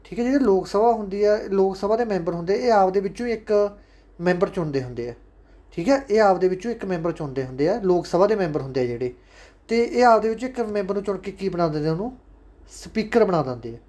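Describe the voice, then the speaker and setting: A quick, expressive man with a high-sitting, dark voice and a Punjabi accent leads an online exam-prep session. Casual and paternal, he keeps calling his students "sons" and circles back to key points over and over.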